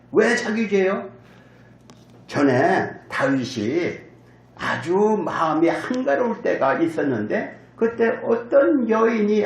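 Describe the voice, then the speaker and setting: Animated male pastor preaching in an echoey hall. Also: sits high. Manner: storytelling, acting out quotes and calling for responses. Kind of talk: sermon. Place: church sanctuary.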